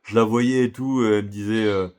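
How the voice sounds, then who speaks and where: A man's voice: on the low side, fairly even intonation, a little fast, darkish tone, smooth. A man telling a personal story in a casual, slangy way, talking straight to the listener. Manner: slangy, chatty, addresses listener directly. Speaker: vlogger.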